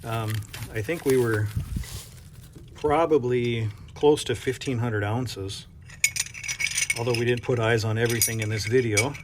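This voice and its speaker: A man's voice: mid-range voice, fairly even intonation, unhurried, pauses often, noisy background. A man from North Dakota who runs a coin shop, chatting casually and thinking aloud as he unboxes silver bars, with self-deprecating asides.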